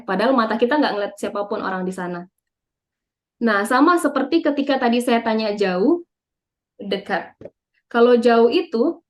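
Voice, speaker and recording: A woman teaching an interactive online class, lively and playful, quizzing her listeners as she goes. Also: fairly high pitch.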